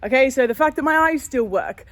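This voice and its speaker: A woman's voice: high voice, brisk, no room sound. A woman vlogs casually, chatty and candid, with a slight lisp from wearing a dental retainer. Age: 30s. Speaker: vlogger. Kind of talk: casual chat to viewers.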